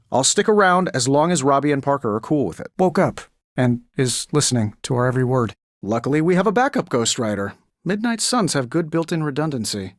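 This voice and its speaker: A male actor with an American accent voices a cocky genius billionaire superhero in a video game, delivering lines in a glib, sarcastic, wry way. His voice is slightly high, and the studio-quality recording has no room sound.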